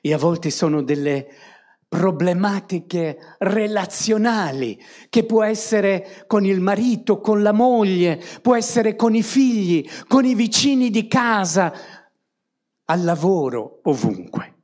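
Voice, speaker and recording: A woman's voice: mid-range voice, lively intonation, slow pace, darkish tone. A woman preaching a sermon to a congregation, often tagging on rhetorical questions to draw her listeners in.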